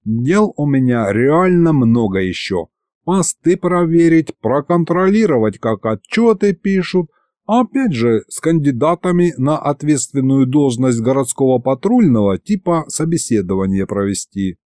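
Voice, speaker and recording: Brief: a man playing a gruff male demon police chief for an audiobook, street-slang patter, high and swinging. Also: big pitch swings, measured pace, a little mellow, no echo, studio quality. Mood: sulky.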